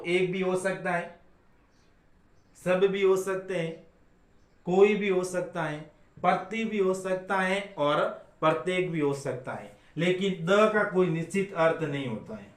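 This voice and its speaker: Man from India, high voice, slow deliberate teaching, echoey classroom. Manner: repeats questions and answers them himself. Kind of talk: classroom grammar lesson.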